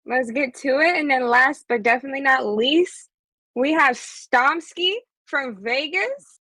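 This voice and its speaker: A woman's voice: high voice, a little slow, sharp tone. Upbeat woman hosting a podcast. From Boston, born in Trinidad. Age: 20s. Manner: laughs often, upbeat. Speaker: podcast host and mediator. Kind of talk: casual podcast chat.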